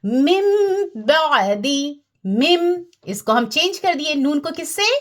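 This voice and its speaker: A woman teaching Quran recitation rules, repeating key terms, checking in with her listeners and drawing out recited words slowly. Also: sits high, animated, a bit bright. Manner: slows down and draws out recited Arabic words. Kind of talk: tajweed lesson.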